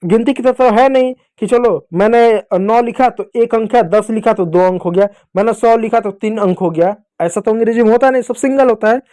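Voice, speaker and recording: A man's voice: sits high, fairly quick, hardly any pauses, dark tone. A male teacher with an Indian Hindi accent, giving a lesson to children and patiently repeating points and answering his own questions.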